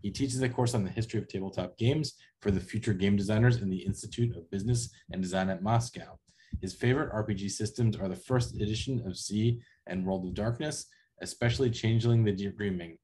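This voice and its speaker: A man's voice: on the low side, fairly quick, dark tone, poor audio. A man in his thirties hosting an online conference and introducing a speaker over a video call. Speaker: conference session host. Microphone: video call, close to computer.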